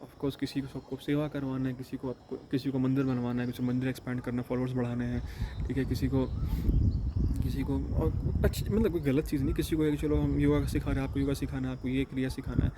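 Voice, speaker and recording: A man who teaches yoga courses, talking in a rambling casual monologue and retelling phone calls in quick quoted bits. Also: mid-range voice, little pitch movement, background noise.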